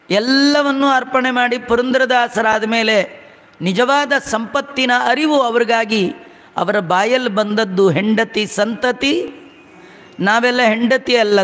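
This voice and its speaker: High-voiced man preaching in a reverberant hall. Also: a bit bright. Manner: slow chanting of verses, then brisk conversational explanation. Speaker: religious discourse speaker. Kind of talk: Kannada religious discourse with Sanskrit verse recitation.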